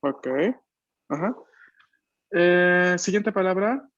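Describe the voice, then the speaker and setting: A man's voice: sits high, a bit bright, no room sound, dull audio. A man teaching an online language lesson, patiently repeating answers and checking in constantly with short tag questions. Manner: repeats students' answers and explains slowly. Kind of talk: online Italian lesson taught in Spanish. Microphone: video call microphone.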